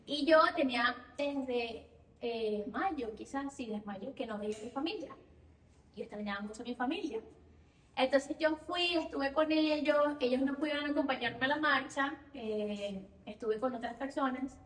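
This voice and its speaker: A young Venezuelan woman with a Venezuelan accent, giving an earnest personal testimony at church, often repeating her phrases and pausing on fillers. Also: sits high, a bit bright. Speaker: church speaker. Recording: echoey room heard from a distance.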